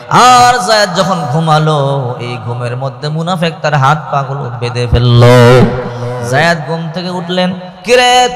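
A male preacher tells a story dramatically, acting out the characters and chanting Arabic verses. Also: mid-range voice. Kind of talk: sermon storytelling. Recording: echoey hall with long reverb.

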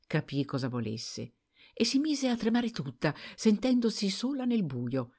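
A woman narrating an audiobook in an expressive storytelling manner. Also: mid-range voice, a little slow.

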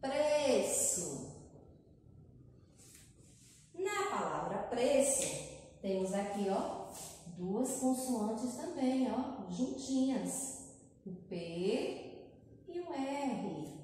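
A Brazilian woman teaching young children, who speaks in a slow, sing-song way and stretches and repeats her words. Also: fairly high pitch, big pitch swings, warm tone. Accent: Brazilian Portuguese. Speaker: primary school teacher. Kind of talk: recorded lesson for young children. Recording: echoey room, far from mic, faint noise.

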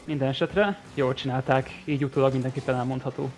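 A man's voice: medium pitch, fairly even intonation, darkish tone, a little hiss or hum. A man co-commentating a video game match live, adding analysis of the plays. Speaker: esports co-commentator.

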